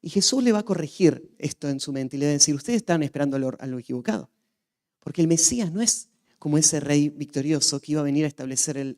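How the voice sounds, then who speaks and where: A man gives a Bible teaching sermon in a fairly high voice. He moves between hushed, quiet lines and loud, emphatic ones. He often restarts his sentences by repeating a word while he thinks. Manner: stumbles and repeats words while thinking aloud. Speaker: preacher. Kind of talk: expository sermon.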